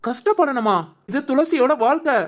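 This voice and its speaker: A woman plays a stern cartoon elder brother with a southern Tamil Nadu accent. He reasons things through with pointed questions, in a voice a little high for a man. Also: lively intonation, moderate pace.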